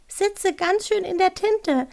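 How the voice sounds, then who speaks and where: A woman's voice: slow pace, vocal fry, darkish tone, full character voice. A woman voicing a small, anxious owl from a children's book that dithers and talks worriedly to itself. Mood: fretful. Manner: high, hesitant, worried self-talk. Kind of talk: reading aloud from a children's book.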